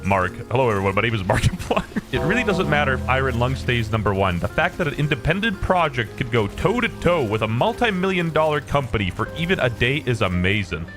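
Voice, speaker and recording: A man delivers casual online news commentary with a swooping, animated range. He is slangy and jokey throughout. Music plays clearly underneath his voice. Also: medium pitch, a little fast, hardly any pauses. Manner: slangy, joking.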